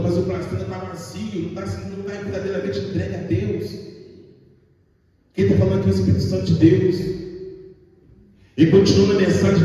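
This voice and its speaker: A man's voice: sits high, mellow. A man with a Brazilian Portuguese accent preaching a fervent evangelical sermon, repeatedly calling out to the congregation. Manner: fervent, repetitive, calls out to the congregation. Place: church hall. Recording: echoey hall, mic far off.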